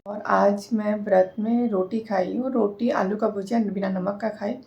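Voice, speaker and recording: A woman's voice: medium pitch, fairly even intonation, moderate pace, vocal fry, mellow, slightly rough, lo-fi sound. A young woman with a Bihari accent, chatting casually to her vlog audience in a rambling way with many fillers. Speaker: vlogger.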